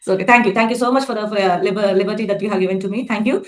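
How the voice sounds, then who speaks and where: A woman's voice: mid-range voice, fairly even intonation, racing, slight background noise. A woman teaching a spoken class, explaining with fillers and frequent checking questions. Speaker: English teacher. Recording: roomy echo.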